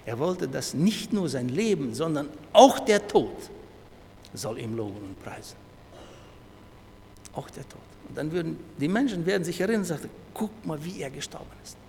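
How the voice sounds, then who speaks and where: A middle-aged man preaching a sermon, dropping to soft low asides and then raising his voice loudly when he quotes. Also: sing-song, moderate pace, gravelly. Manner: swings between soft low asides and loud raised quoting. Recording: reverberant hall with faint noise.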